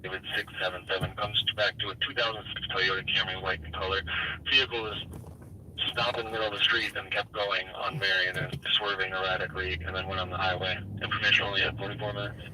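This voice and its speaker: Male dispatcher over police radio, crisp, sharp tone, brisk codes. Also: low voice, level tone, a little hiss or hum, low-quality recording. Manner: clipped, code-heavy radio delivery.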